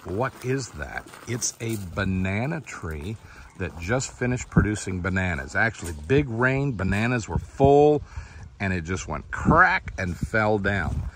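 A man's voice: fairly low pitch, animated, measured pace, a bit bright. A man in his fifties filming an enthusiastic, folksy farm vlog outdoors by a chicken pen, explaining as he goes into a phone held at arm's length. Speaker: farm vlogger. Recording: faint outdoor noise with chickens clucking.

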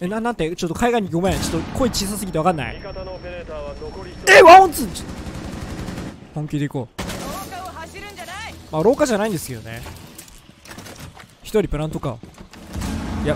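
A man's voice: high voice, very animated, fairly quick, long pauses. A man in his twenties giving joking, self-mocking commentary over his gameplay. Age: 20s. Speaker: gaming video creator.

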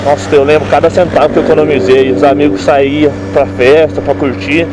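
A man vlogging from his motorcycle, talking exuberantly and often shouting over the engine. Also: on the high side, flat delivery, a little fast. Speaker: motovlogger. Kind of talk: excited motorcycle vlog narration. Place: outdoors on a moving motorcycle on highway. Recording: loud wind and engine noise. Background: motorcycle engine and wind roar.

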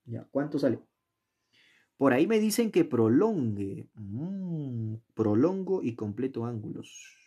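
A man's mid-range voice, mellow and husky, moves slowly with a sing-song lilt as he tutors geometry. Chatty and casual, he asks the viewer questions and reasons aloud while working the problem. He's at a desk indoors, the worksheet filmed from above.

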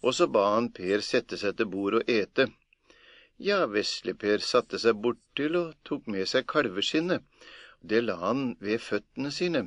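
A man reading a folk tale aloud as an audiobook narrator, in a measured, plain storytelling manner. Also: lowish voice, animated, a bit bright, no room sound, studio quality.

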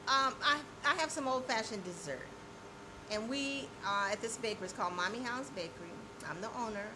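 A woman's voice: on the high side, expressive, brisk. An older woman who owns a bakery, telling stories in a chatty, rambling way. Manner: chatty storyteller, restarts and fillers. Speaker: bakery owner. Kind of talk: casual interview chat. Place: small indoor bakery office and kitchen. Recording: loud background noise.

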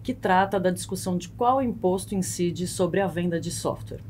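Talking at a normal speed, this expert guest in her thirties has a lowish, darkish voice and a Brazilian accent. She explains things casually, often adding quick tag questions, into a close boom-arm mic in a small foam-padded podcast studio, where a little hiss or hum is audible.

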